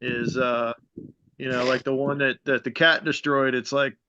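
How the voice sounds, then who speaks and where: Bright-voiced man, dry video-call sound. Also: mid-range voice, little pitch movement, moderate pace, no echo. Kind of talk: casual chat. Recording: slightly dull video-call audio.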